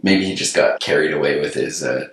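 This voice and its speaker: Deep-voiced man, animated and incredulous. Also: fairly quick. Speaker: guest co-host. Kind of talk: casual podcast chat. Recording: roomy room echo, faint hiss.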